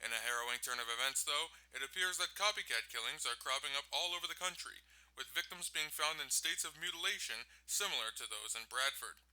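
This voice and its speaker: Bright-voiced male news anchor, as a man reads it. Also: mid-range voice, expressive, brisk, rough recording. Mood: even. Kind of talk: scripted broadcast news reading.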